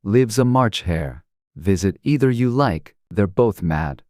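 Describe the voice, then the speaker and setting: Low-voiced sly talking cat, acted by a woman. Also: animated, slow pace, mellow, no room sound, studio quality, full character voice. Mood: unruffled, teasing. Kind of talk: dramatized storybook reading.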